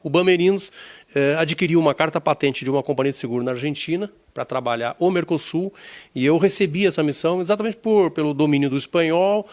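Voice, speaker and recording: Man, 60s, Gaúcho accent, insurance executive, interview, measured, repeats words. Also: on the high side. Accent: Gaúcho Brazilian Portuguese. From southern Brazil. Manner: measured, repeats words while searching for them. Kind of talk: reflective career interview.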